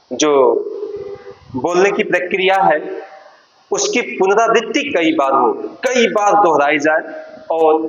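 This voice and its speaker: Higher-voiced man teaching a lesson. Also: highs cut off, slight background noise. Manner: explains step by step, asking and answering his own questions, often saying "ठीक है". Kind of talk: exam-prep lecture.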